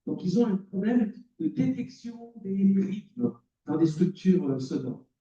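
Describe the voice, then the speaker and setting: Distant, high-pitched male lecturer. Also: very animated, measured pace, dark tone. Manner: explanatory, quizzes the audience. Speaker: lecturer in cognitive psychology. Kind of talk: conference talk. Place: lecture hall. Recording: roomy, distant, dull.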